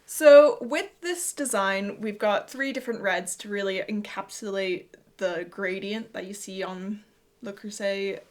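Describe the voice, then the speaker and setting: Medium-pitched woman, casual podcast co-host. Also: a little slow. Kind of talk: casual explanatory chat.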